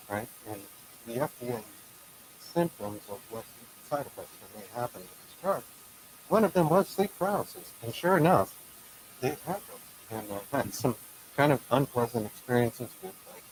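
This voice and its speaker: Male interviewer, mid-low everyday pitch, conversational, muffled sound on a noisy, hissy recording. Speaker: show host interviewing a guest. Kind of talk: casual interview chat. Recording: muffled audio with clear hiss and noise.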